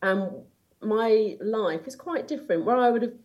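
A woman's voice: on the high side, lively intonation, normal speed, muffled recording. Woman guest, enthusiastic and giggly, rambling casual chat. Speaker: podcast guest.

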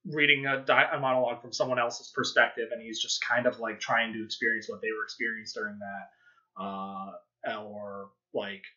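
Bright-voiced man, musing, lo-fi audio. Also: on the low side, little pitch movement, normal speed. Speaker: podcast voice actor. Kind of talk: casual panel chat.

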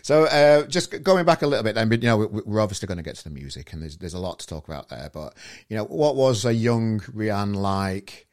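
Man, lowish voice, rapid rambling delivery, casual podcast host. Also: very animated. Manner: rambling, stumbling over his questions. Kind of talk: casual interview chat.

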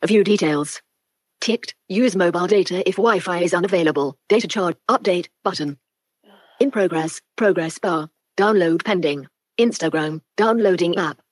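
A woman's voice: fairly low pitch, moderate pace, dry recording. A synthetic female screen reader voice played through a Bluetooth speaker, reading out on-screen labels and buttons. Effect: synthetic speech played through a Bluetooth speaker.

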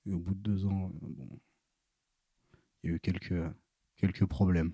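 A man's voice: deep voice, level tone, moderate pace, mellow, slightly rough, no echo, studio quality. A man in his twenties, a podcast guest, telling stories casually with lots of hesitations and restarts. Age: 20s. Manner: hesitant, full of fillers and restarts. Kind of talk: casual interview storytelling.

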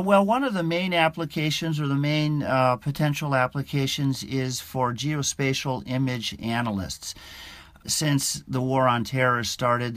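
A man speaking as a science correspondent in an interview, explaining things in a halting, measured way. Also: medium pitch, fairly bright tone, dry recording.

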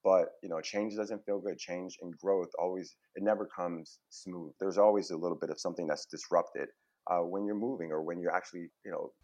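Deep-voiced New man, earnest. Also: fairly even intonation, a little fast, darkish tone, lo-fi sound. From New York, USA. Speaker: guest. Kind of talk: casual interview chat.

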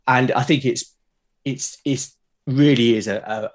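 Unhurried and steady, a British man with a mid-range voice chats as a podcast guest in a casual interview. His enthusiasm mixes with hesitation, and he tends to repeat words along the way.

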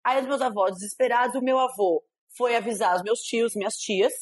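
A woman casually telling a family story, animated and often laughing as she talks. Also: on the high side, brisk, husky. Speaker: storyteller guest.

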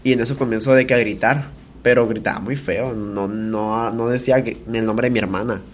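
A young man with a Mexican accent, co-hosting a casual podcast chat and telling a story in halting, rambling bursts. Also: mid-range voice, fairly even intonation, slight background noise. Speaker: podcast co-host. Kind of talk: casual chat among friends.

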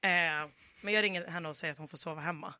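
A woman's voice: on the low side, no room sound, clean studio sound. A young adult woman, a podcast guest, telling a long anecdote in casual chat and acting out the people she quotes. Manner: animated storyteller, acts out quoted dialogue.

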